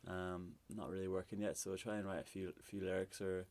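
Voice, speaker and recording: A man, a musician, chatting casually in an interview, relaxed and hesitant with many fillers. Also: sits low, quick pace, creaky. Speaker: musician guest.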